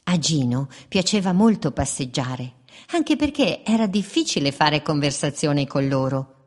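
A woman reading a children's story aloud in a playful, expressive way, with repeated refrains. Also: low-pitched.

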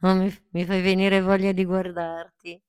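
A woman voicing a shy, tender young tree in a children's story, speaking softly and hesitantly. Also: on the low side, lively intonation, takes it slowly, clear, resonant tone, dry recording, clean studio sound, pitched above the performer's own voice. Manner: soft, hesitant and wondering.

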